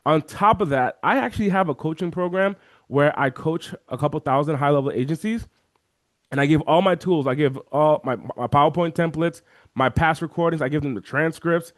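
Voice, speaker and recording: A man talking as an interview guest, walking through software on a shared screen and acting out the voices of chat viewers. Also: fairly high pitch, a little fast, dry recording, clean studio sound. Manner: animated, acts out quoted chat voices. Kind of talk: energetic screen-share walkthrough.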